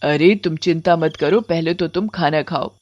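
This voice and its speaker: Cartoon storybook: a caring witch with a vengeful streak, voiced by a woman, calm and firm. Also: low-pitched, moderate pace, dull audio, loud music behind the voice, natural voice. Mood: stern. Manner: soothing, then stern. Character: kind-hearted female witch, protective and vengeful.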